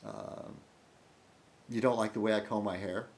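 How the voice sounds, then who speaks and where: A man's voice: lowish voice, animated, unhurried, gravelly. A man hosting a casual video blog monologue, rambling and breaking off mid-sentence while he answers his commenters. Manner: rambling, self-interrupting, addresses commenters. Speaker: video blogger host.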